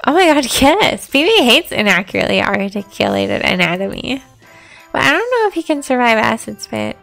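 A woman plays an eager, naive cartoon cowgirl. The voice is high and gushing, full of exclamation, over music. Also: wildly swooping pitch, a little fast, creaky, a bit bright, full character voice.

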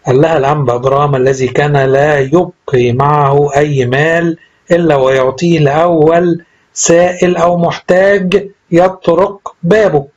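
Man, Egyptian Arabic accent, storyteller, husky voice, fairly high. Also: fairly even intonation, normal speed, darkish tone, muffled recording. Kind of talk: reading a religious story aloud.

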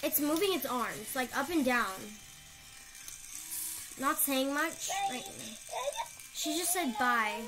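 A woman's voice: sits high, lively intonation, slow pace, pauses often, a bit bright. A young woman vlogger chatting casually, saying "like" a lot, with a headache. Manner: chatty, lots of "like", drops to whispers. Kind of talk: casual chat. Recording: noisy home recording.

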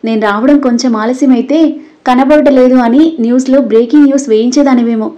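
A woman voicing a caring young husband who speaks gently and reassuringly. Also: high-pitched, fairly quick, lo-fi sound, natural voice. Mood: gentle.

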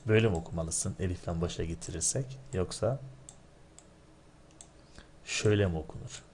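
A man's voice: low-pitched, normal speed, darkish tone, a little hiss or hum. A male teacher in a recorded lesson going over exam answers, explaining step by step and often asking rhetorical checking questions. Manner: recites word forms in a drilled, chanting rhythm.

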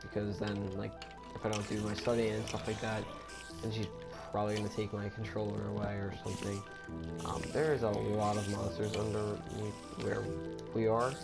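A man's voice: completely flat delivery, moderate pace, creaky. A young man giving casual Let's Play commentary as a gaming video host, talking in a hesitant, rambling way. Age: teen to young adult. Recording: low voice level under music. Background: game music.

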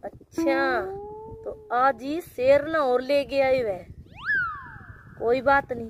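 A woman's voice: high-pitched, takes it slowly. A woman with a Rajasthani accent acting a stern, threatening village housewife who scolds in a comedy skit. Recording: noisy outdoor village recording.

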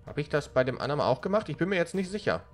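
Ein Mann kommentiert als Let's Player locker und beiläufig ein Spiel. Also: male voice, a little high, big pitch swings, very fast. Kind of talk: casual gaming commentary. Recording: faint game music behind. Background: video game music.

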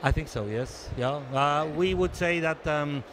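A man in his sixties from Switzerland, giving a measured, businesslike conference interview into a handheld mic, pausing often. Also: on the high side, noisy background. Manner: measured, businesslike, many hesitations. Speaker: interviewee, association treasurer. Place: conference booth indoors.

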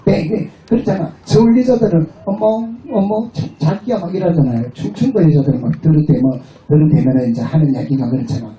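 A husky-voiced man doing crude, swearing comedy banter with the crowd, mimicking voices and laughing between jokes. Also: a little high, fast talker, few pauses, warm tone, muffled recording, slight background noise. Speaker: pumba street performer. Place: outdoor beach stage. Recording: roomy PA sound from far off, crowd. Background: crowd and music.

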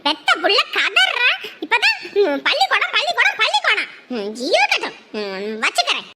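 A woman playing a shrill, grumbling grandmother. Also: echoey room, heavily acted. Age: older. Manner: grumbling, lamenting, scolding. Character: nagging doting grandmother, mother-in-law. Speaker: grandmother in a family comedy. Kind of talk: village family comedy acting. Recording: loud background noise.

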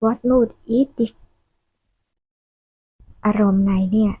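A woman's voice: a little high, steady tone, drawn-out words, warm tone, slightly rough. A woman teaching short everyday English phrases, saying each one and then its Thai meaning. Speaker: language teacher. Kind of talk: slow phrase drill for learners. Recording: dull lo-fi sound.

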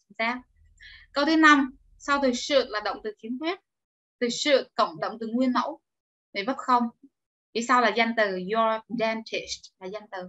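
A woman's voice: fairly high pitch, a bit bright, highs cut off. A woman teaching an online English grammar class, explaining step by step and encouraging her students. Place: home or office, online class.

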